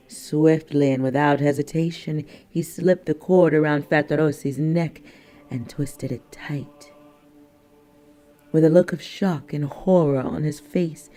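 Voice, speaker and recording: Guy reading a thriller audiobook, slow and deliberate, slightly high voice. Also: warm tone. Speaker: audiobook narrator. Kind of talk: scripted thriller narration.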